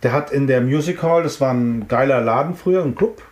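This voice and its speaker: Speaking a little fast in a medium-pitched, slightly mellow voice, a middle-aged man from the Frankfurt area reminisces in a laid-back interview. He's a German hip-hop artist being interviewed, and he rambles with lots of fillers and restarts. There's a roomy echo on the recording.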